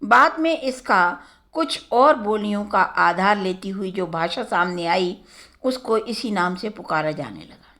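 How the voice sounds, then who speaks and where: A woman giving a measured academic lecture, listing word forms one by one. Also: mid-range voice, lively intonation, fairly bright tone. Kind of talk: slow academic lecture on Hindi dialects.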